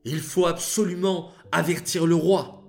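A man's voice: fairly high pitch, fairly even intonation, unhurried, gravelly, a little mellow, soft background music, pitched above the performer's own voice. A man voicing a worried, loyal older cousin giving an urgent warning in a children's story.

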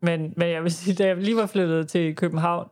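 A woman's voice: lowish voice, fairly even intonation, a little mellow. Danish woman telling casual podcast anecdotes. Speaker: podcast co-host.

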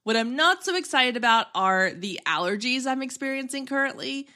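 A woman hosting a solo podcast in casual chat, congested and a little nasal from allergies, talking in quick run-on asides. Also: high voice, lively intonation, sharp tone. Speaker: podcast host and business coach.

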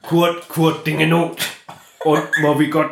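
A man's voice: on the high side, little pitch movement, vocal fry, voice pushed up. Man voicing a polite storybook companion, careful and sorry, roomy sound. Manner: apologetic, careful. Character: polite apologetic male companion.

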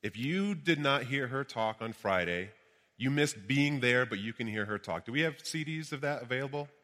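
A minister preaches a motivational sermon with call-and-response affirmations, his projected delivery emphatic and exuberant. His mid-range voice is animated, bright and forceful at a normal speed, addressing a gathering in a large reverberant room with hall sound.

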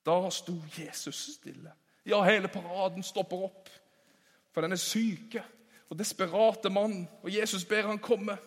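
A man delivers a sermon with a fairly high voice. His delivery is emphatic, swinging between ringing calls and hushed asides. The sound carries a long reverb from a large church hall. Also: steady tone. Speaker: preacher.

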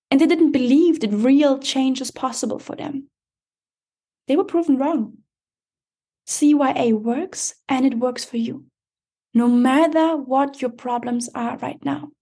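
Speaking right to her listener, a podcast host and empowerment coach delivers motivational coaching with emphasis and encouragement. Her voice is high, a little mellow, and creaky.

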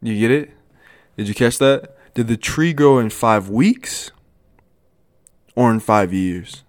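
A man's voice: mid-range voice, slow pace, no echo. Young man telling a motivational story. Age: 20s. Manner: animated, repetitive, lots of restarts. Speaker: motivational vlogger.

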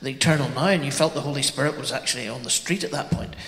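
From Northern Ireland, this podcast host interviews a guest live on stage in a large hall before an audience, firing off enthusiastic, rambling questions. His medium-pitched, fairly bright voice races along, and the echoey hall adds long reverb.

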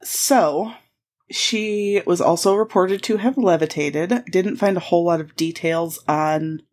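A woman's voice: fairly low pitch, unhurried, darkish tone. A woman co-hosting a podcast in casual chat, telling stories animatedly with frequent laughs and swearing. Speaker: podcast co-host.

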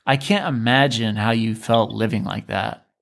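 A man hosting a casual interview, talking in an animated, sarcastic way. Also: on the low side, normal speed, gravelly. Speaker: podcast host.

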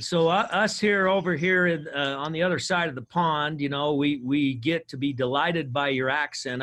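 A man's voice: on the high side, fairly bright tone. A man hosting a podcast, enthusiastic and chatty, rambling a little with restarts. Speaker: podcast host. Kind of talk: casual interview hosting.

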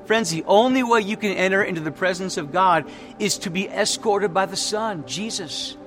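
A man's voice: high-pitched, normal speed, fairly bright tone, soft background music. A man preaching a sermon, emphatic and repeating his key phrases as he tells stories. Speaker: pastor.

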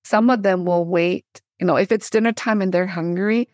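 Speaking at a moderate pace, she has a low-leaning, steady, slightly mellow voice. A middle-aged theologian and teacher born in Korea and immigrated in 1975, she talks enthusiastically as a guest on a conversational podcast interview.

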